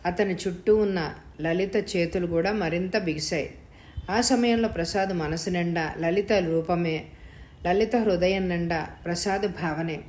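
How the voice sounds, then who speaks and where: A woman narrating a novel episode in a calm, even storytelling manner. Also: lowish voice, a little slow. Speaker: audiobook narrator. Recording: roomy echo.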